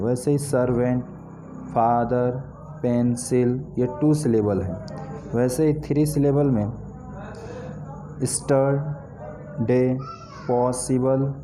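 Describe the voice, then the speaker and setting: Slow, dark-voiced male teacher. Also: mid-range voice, a little hiss or hum. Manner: slow, spelling words out letter by letter. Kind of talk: grammar lesson.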